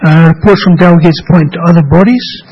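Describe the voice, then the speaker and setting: A man chairing a council meeting as mayor, running through motions in a brisk, procedural way. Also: fairly high pitch, steady tone, slightly rough. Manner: brisk, procedural, briefly muttering to himself. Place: council chamber. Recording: dull muffled meeting recording.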